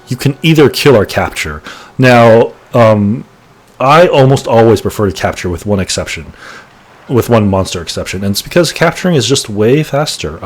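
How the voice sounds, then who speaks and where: This late-30s man hosts a gaming channel and chats loosely while playing, wandering off topic and fixing his own words along the way. His voice sits at a medium pitch with a husky quality.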